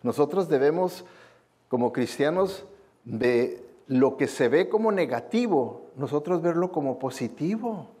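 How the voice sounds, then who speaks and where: A man's voice: a little high, lively intonation, unhurried, darkish tone, husky. A man preaching a sermon as pastor, emphatic, who keeps asking the congregation questions and adding a questioning "mm?". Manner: often adds a questioning "¿mm?".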